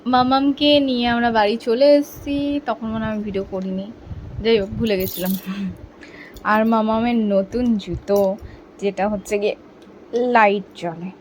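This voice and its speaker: A woman's voice: fairly high pitch, steady tone, unhurried, pauses often, a little hiss or hum. A woman chatting casually to her phone camera at home, rambling through her day as a vlogger. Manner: chatty, rambling daily-life commentary. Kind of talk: casual vlog narration to camera. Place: at home, indoors.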